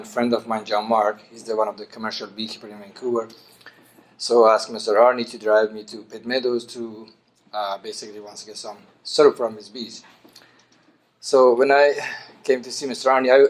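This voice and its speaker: A man from Iran, sharing a memory at a memorial, with some hesitation. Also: mid-range voice. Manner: hesitant storytelling. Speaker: memorial speaker.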